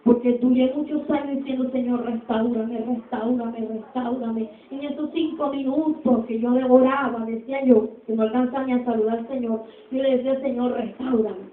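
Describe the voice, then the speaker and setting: A woman's voice: high-pitched, fairly even intonation, brisk, hardly any pauses, reverberant, phone-quality sound, slight background noise. A woman pastor preaching a sermon with an emphatic, repetitive cadence, recorded in a church from a distance.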